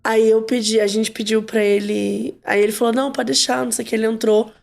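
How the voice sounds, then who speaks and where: A woman's voice: on the high side, brisk, gravelly. A Brazilian woman hosting a podcast, chatting casually and telling stories with acted-out quotes. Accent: Brazilian Portuguese. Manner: animated storyteller, acts out quotes. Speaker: podcast host. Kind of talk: casual chat.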